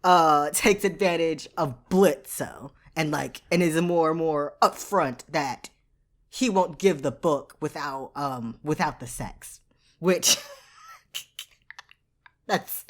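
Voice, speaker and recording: A woman co-hosting a casual podcast chat, animated and quick to laugh, speeding up when she rants. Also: sits low. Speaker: podcast co-host.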